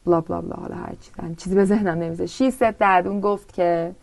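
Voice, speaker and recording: Gravelly-voiced woman teaching English. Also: lowish voice, fairly even intonation, darkish tone. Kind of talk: language lesson, explaining in Persian with slow English examples.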